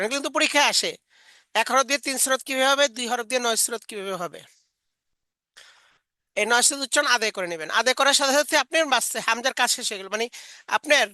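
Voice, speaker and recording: A woman training Quran teachers, explaining classroom drills step by step and modeling the vowel sounds slowly. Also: on the high side, bright, forceful tone, dry recording. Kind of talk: instructional lecture.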